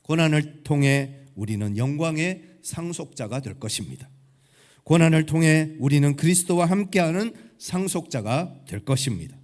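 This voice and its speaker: A man's voice: on the high side, expressive, normal speed, darkish tone. A male pastor preaching a sermon earnestly, with emphatic repetition.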